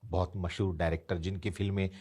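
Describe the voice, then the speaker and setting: This man's voice sits low and stays level, a little mellow, as he talks quickly. In his fifties and a guest on an interview, he tells an anecdote, acting out the people he quotes.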